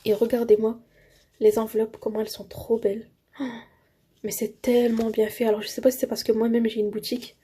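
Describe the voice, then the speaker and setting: A young woman talks to her viewers while sorting cash into savings envelopes. Her voice is husky and warm, held in a narrow, steady pitch range. She sounds eager and casual, with plenty of fillers. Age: young adult. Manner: chatty, enthusiastic, many fillers; counts banknotes softly under her breath. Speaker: budgeting YouTuber.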